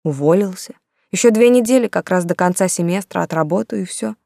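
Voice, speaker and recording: A woman doing a calm, restrained grown man. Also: lowish voice, fairly quick, creaky, no echo, clean studio sound. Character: calm grown man, gently apologetic lover. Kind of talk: audiobook dialogue.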